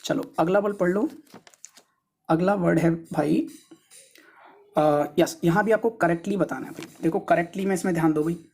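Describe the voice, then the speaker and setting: A woman's voice: on the low side, normal speed, long pauses, a little mellow, husky. A woman working through an English exam practice set aloud, casually calling her viewers brother, repeating words and spelling them out letter by letter. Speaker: exam-prep teacher. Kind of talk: solving an English test paper aloud.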